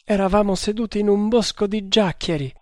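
A man's voice: high voice, fairly even intonation, a little fast, no echo, clean studio sound, pitched above the performer's own voice, lightly acted. A man voicing a treacherous, terrified male servant who wails and sobs as he pleads, in an audiobook. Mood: sobbing. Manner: wailing, sobbing, frantic pleading. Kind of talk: audiobook character voice.

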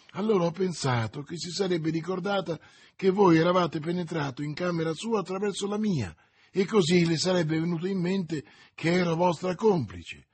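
A man's voice: high-pitched, darkish tone, slightly rough, pitched above the performer's own voice. A man voicing a frightened young maid. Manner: pleading, anxious. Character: frightened young maidservant woman.

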